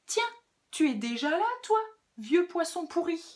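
A woman voicing a rude, bratty little girl in a children's storybook, shouting insults insolently. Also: extremely high pitch, sing-song, unhurried, voice pushed up, exaggerated voice.

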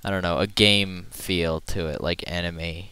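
A man's voice: low-pitched, fairly even intonation, measured pace, bright, forceful tone, smooth, no room sound. A man casually talking through a drawing as he works, rambling and poking fun at himself, humming now and then. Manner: rambling and self-deprecating, hums to himself while working. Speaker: artist narrating his drawing. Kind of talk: casual screen-recorded drawing commentary.

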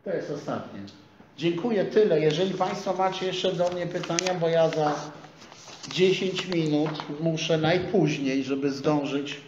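A man in his sixties giving a measured, scholarly lecture in a small room, caught by a distant camera. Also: fairly high pitch, fairly even intonation. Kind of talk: academic lecture. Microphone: far camera. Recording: echoey room, dull sound, faint hiss.

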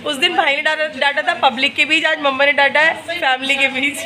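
A woman's voice: high voice, fairly even intonation, a little fast, bright, forceful tone. A young woman chatting casually in a family vlog, affectionate and often laughing. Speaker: vlogger.

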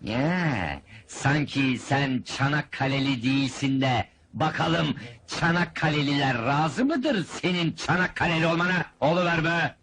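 A brash, scheming fairground boss. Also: male voice, on the high side, measured pace, fairly bright tone. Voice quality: brash huckster, blaring barker patter. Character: scheming stingy male showman boss. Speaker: fairground penalty-game boss. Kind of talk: 1970s film comedy acting.

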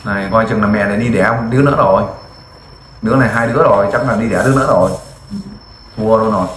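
A man's voice: lowish voice, fast talker, fairly bright tone, echoey room, slight background noise. A man in the field interviewing a family, asking direct, coaxing questions. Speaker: volunteer interviewer.

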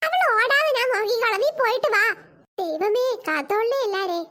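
Cartoon granny, old woman, nags and scolds, squeaky high voice, put on by a woman. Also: lively intonation, moderate pace, sharp tone, full character voice. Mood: fretful. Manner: nagging, sing-song scolding. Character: fussy scolding old grandmother, always hungry.

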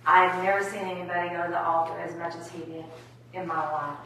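A woman's voice: on the low side, level tone, sharp tone. A woman in a home Bible study group speaking earnestly, recorded in an echoey room from a distance. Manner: slow, earnest, recalling a memory. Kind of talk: casual group discussion. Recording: echoey room from far off, faint noise.

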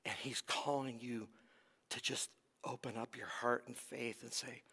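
A man's voice: mid-range voice, flat delivery, a little slow, creaky, bright, forceful tone, breathy edge. A man preaching a sermon as pastor, earnest and emphatic, swelling in intensity and then dropping almost to a whisper. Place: church sanctuary. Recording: long hall reverb.

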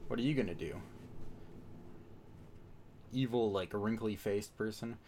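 A man's voice: lowish voice, a little slow, a little mellow, slight background noise. A man giving casual, joking commentary while playing a video game. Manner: joking, chatty, reacts to the game. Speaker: gamer playing through a game.

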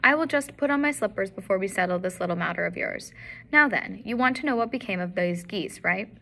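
A woman voicing a brilliant, blandly polite male detective in a story reading, smooth and courteous. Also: mid-range voice, animated, fairly quick, bright, forceful tone, full character voice. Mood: suave. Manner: smooth, courteous, faintly amused.

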